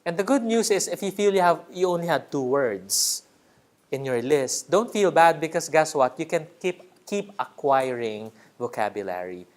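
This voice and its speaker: A man's voice: a little high, lively intonation, normal speed. A man training a writing workshop in a room, teacherly, repeating key words and checking in with the group. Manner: teacherly, checks in with "right?" often.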